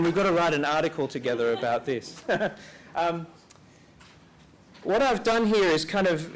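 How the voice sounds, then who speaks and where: A man speaking at a church briefing day, giving a slow, calm reflective talk that leads listeners through a guided prayer with pauses. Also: fairly high pitch. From Australia.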